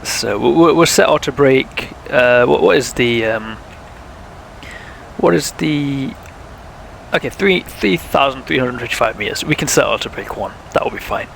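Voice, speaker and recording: A man's voice: mid-range voice, animated, normal speed, gravelly, fairly bright tone, slight background noise, poor audio. A young man, chatting casually while streaming a flight sim, thinking aloud and talking to viewers, with a sore throat. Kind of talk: casual live-stream commentary.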